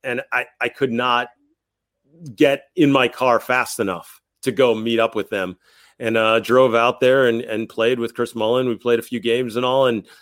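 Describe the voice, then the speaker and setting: A man's voice: mid-range voice, steady tone, normal speed, fairly bright tone, no room sound. Guy in his 30s telling stories on a podcast, repeats himself a lot, super dry sound. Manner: rambling, repeats words, enthusiastic. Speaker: podcast guest. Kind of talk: casual interview storytelling.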